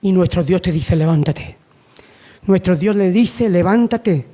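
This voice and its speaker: A man's voice: high voice, moderate pace, mellow. A man from Spain preaching a sermon, urging his listeners with repeated lines and rhetorical questions. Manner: repetitive, exhortative, rhetorical questions.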